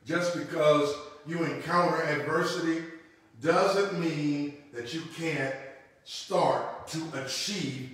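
A man's voice: on the high side, slow pace, fairly bright tone. A middle-aged man preaching a sermon at a lectern, repeating key lines and calling out to the congregation. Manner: preaching with call-outs and repetition, sweeping gestures. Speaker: pastor. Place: church room with logo backdrop, standing at a lectern. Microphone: far camera. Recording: echoey room, mic far off.

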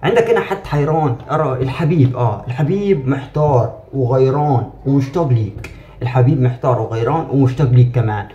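A man giving a spiritual fortune reading in a reassuring, repetitive monologue, with drawn-out "aah" fillers. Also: mid-range voice, warm tone, roomy sound, highs cut off, slight background noise.

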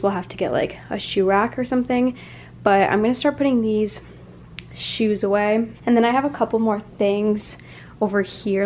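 A woman's voice: medium pitch, darkish tone, slight background noise. A woman in her twenties talking casually through a home vlog, rambling with lots of "like" fillers while filming on a handheld phone indoors. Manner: chatty, rambling, many "like" fillers. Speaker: vlogger. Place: apartment rooms and closet, indoors. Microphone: handheld phone camera.

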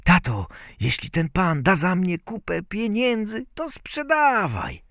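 Squeaky tiny little boy voice, cheeky and pert, storybook kid, dry and close. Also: sing-song, slow, fairly bright tone, no room sound, exaggerated voice. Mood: pert, eager. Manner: shrill and pert. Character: tiny cheeky peasant boy born from a pot.

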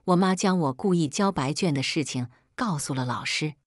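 Low-voiced woman narrating a story. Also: normal speed, no echo, studio quality. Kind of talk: scripted first-person narration.

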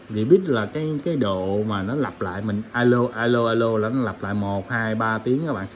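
A man's voice: fairly low pitch, slight background noise. A man, chatting casually through an audio gear demo, full of fillers and talking to viewers as friends. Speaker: audio shop owner demonstrating gear. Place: indoor room with sound system.

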